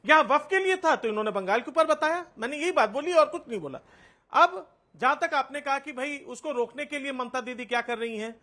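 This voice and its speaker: A man's voice: very high voice, a bit bright. A man, speaking as a political panelist in a heated TV debate, pressing his point with repetitions and hesitant fillers. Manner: insistent, repeats himself, hesitant fillers.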